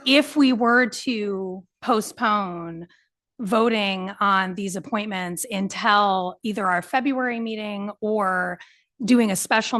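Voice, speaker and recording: A woman with a medium-pitched voice speaks as a board member, questioning in a formal meeting. The recording is close and dry. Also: fairly bright tone, no echo.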